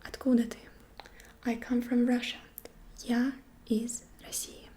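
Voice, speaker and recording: A woman whispers through an ASMR language lesson, her voice slightly high yet mellow. She moves very slowly and gently, repeating each phrase again and again. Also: flat delivery. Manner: gentle, soft-spoken. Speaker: ASMR creator teaching phrases.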